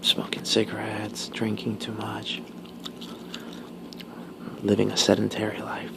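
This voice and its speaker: A man whispering casual ASMR talk while chewing gum, pausing between short, halting phrases. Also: fairly low pitch, completely flat delivery, vocal fry, background noise. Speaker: ASMR video creator.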